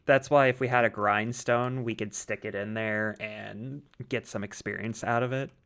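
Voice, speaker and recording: A man hosting a gaming channel, bantering loosely with a friend as they play together. He keeps things laid-back and jokey, often breaking into a chuckle. His voice sits on the low side. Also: steady tone, moderate pace, vocal fry, a bit bright. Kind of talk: casual chat while playing a modded game.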